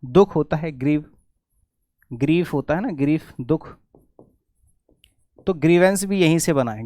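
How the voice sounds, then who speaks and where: A man's voice: on the high side, dry recording, studio quality. Indian man spelling out words. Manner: explains patiently, spells words out letter by letter; repeats words many times, slips and corrects himself. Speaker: English teacher. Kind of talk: spelling lesson for exam students.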